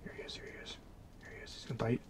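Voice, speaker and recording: A young man speaking in a hushed half-whisper as he fishes inside an ice fishing tent. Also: rapid-fire, echoey room, recorded from a distance. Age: young adult. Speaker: fishing vlogger. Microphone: handheld or tripod camera in the tent. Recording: background noise on camera audio.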